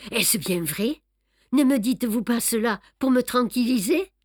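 A woman's voice: fairly high pitch, animated, unhurried, darkish tone, breathy edge, no echo, clean studio sound, pitched above the performer's own voice. A woman reading aloud and voicing an anxious, loyal man who asks worried questions. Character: anxious, loyal adult male companion. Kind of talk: audiobook reading.

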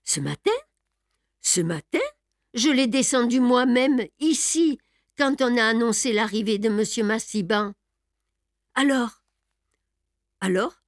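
A woman's voice: a little high, lively intonation, slow pace, long pauses, dry recording, voice pushed up. Woman doing a sad resigned young lady, hesitant, dry close sound. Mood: puzzled. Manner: puzzled, hesitant. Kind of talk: audiobook character reading.

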